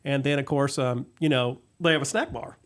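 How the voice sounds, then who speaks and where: A man's voice: mid-range voice, moderate pace, fairly bright tone. A man with a Texan accent hosting a casual radio chat, rambling and laughing often. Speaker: radio show host.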